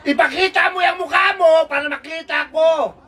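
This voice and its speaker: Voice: extremely high pitch, normal speed, recorded from a distance, crowd noise. Performer playing a weepy homesick dad. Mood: exasperated. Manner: whining, breaks into crying shouts. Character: homesick father working abroad, weepy and exasperated. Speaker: comedy skit character. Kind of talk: comic video-call skit.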